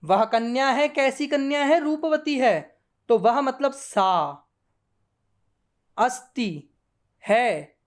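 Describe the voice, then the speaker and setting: Woman teacher, fairly high voice, patient and repetitive, checking in as she explains. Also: lively intonation, extremely slow, pauses often. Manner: patient, repeats forms, frequent checking 'theek hai'. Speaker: Sanskrit grammar teacher. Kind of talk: classroom lesson.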